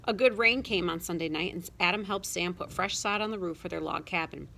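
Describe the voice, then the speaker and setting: A woman narrating a children's storybook with a lively, expressive reading. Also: fairly low pitch, a little fast, vocal fry, slight background noise. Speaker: audiobook narrator.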